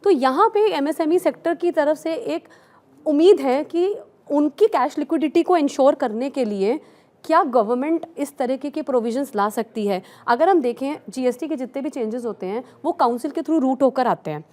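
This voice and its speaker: A woman with a fairly high voice speaks as a tax expert on a news panel. She talks in an explanatory manner, working English terms into her sentences as she lays out her points. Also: lively intonation, normal speed, darkish tone.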